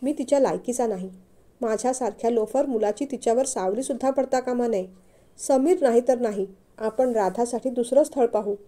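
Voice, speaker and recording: A woman's voice: a little high, moderate pace, warm tone, lightly acted. A woman voicing an anxious, protective young man in love in a read-aloud story, urgent and pleading. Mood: longing.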